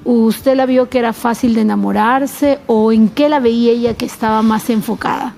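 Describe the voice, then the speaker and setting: A woman's voice: fairly high pitch, steady tone, normal speed, gravelly, dark tone, soft background music. A woman hosting a church talk show, asking questions and giving brief encouraging prompts.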